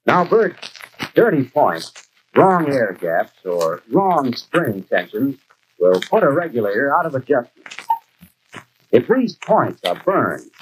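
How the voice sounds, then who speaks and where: Casting: instructive American shop expert, very varied pitch, 1940s educational film with soundtrack noise. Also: male voice, sing-song, takes it slowly, rough recording. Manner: didactic, clearly explanatory. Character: brisk, instructive male garage expert. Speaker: actor playing a garage instructor. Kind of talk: 1940s training film acting, scripted instruction.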